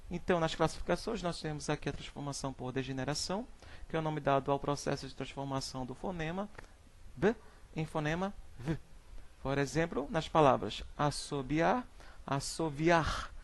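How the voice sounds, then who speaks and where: A young adult male teacher with a Brazilian Portuguese accent presents a lesson from slides, saying each example word slowly and often checking in with "né?" and "certo?". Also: a little high, lively intonation, vocal fry. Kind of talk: classroom slide presentation on phonetics.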